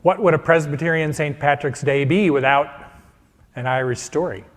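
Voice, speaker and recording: A man's voice: fairly high pitch, moderate pace. A man hosting a church event and introducing a guest to an audience. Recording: long hall reverb.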